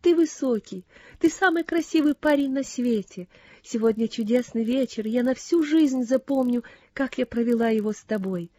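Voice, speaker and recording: A young witch girl speaks in a soft, breathy near-whisper, quietly giving orders, in a storybook reading, as a woman puts her on. Her tone is mellow and warm. The sound is dry and close. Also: on the high side, moderate pace, dry recording, natural voice. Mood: whispery.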